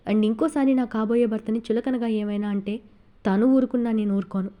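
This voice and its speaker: A woman's voice: a little high, fairly even intonation, brisk, mellow, natural voice. A woman reading Sneha, a fierce proud young woman. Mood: defiant. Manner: firm and defiant.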